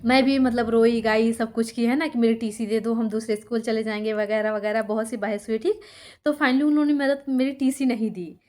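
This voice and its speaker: A woman's voice: fairly high pitch, mellow. A young woman from Sultanpur, India, a teacher telling her life story to her viewers in a casual, conversational way, often checking in with them as she goes. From Sultanpur district, Uttar Pradesh, India. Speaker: teacher and YouTuber.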